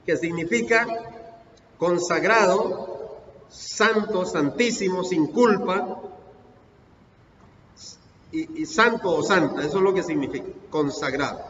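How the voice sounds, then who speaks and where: A high-pitched man preaches a sermon, firing off rhetorical questions and leaning hard on every scripture he reads. His voice comes from across a big reverberant church hall, a bit muffled and far from the microphone, with faint noise underneath. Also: a bit bright. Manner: reads scripture aloud slowly and emphatically. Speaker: pastor. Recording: echoey hall, distant mic, muffled sound.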